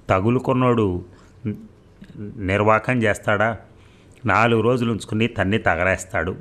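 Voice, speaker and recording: A poor young mother in service pours out her hardships in an audiobook, pleading and near tears, as a man reads her part. The voice sits fairly low, close to the reader's own. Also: fairly bright tone, lightly acted. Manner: pleading, tearful storytelling. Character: poor grieving young mother, female servant.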